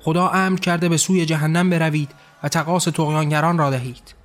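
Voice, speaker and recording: A man's voice: on the high side, steady tone, soft background music, close to an everyday voice. A man voicing a frantic male archangel who brings urgent news to his master. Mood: anxious. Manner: hurried, anxious reporting.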